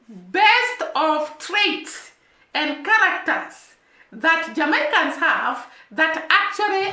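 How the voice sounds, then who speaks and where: A woman hosting her own commentary channel speaks in a very high voice. Her tone is bright, and her delivery earnest, building her points with repeated linking phrases. The sound is roomy with noticeable echo. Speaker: channel host. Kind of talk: commentary vlog. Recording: echoey room.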